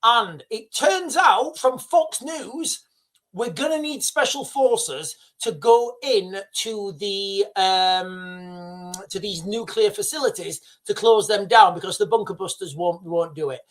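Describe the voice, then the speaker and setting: A middle-aged man with a high voice hosts a casual news livestream, taking his time as he speaks straight to viewers. Excitable and rambling, he keeps restarting sentences and wandering into asides.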